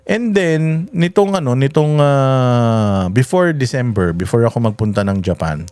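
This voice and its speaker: A man with a Filipino accent telling stories in a casual vlog, animated and full of fillers and restarts. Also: medium pitch, moderate pace, no room sound. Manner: animated, many fillers and self-corrections. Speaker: vlogger. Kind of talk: casual storytelling.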